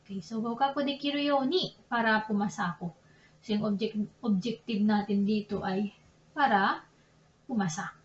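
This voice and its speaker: A young Filipina woman from the Philippines, whose first language is Tagalog, teaches Japanese grammar in a casual online lesson that mixes Tagalog and English. Her voice is medium-pitched and moderately paced, and she chats easily, often correcting herself and laughing at her slips. The recording sounds roomy and lo-fi, with slight background noise.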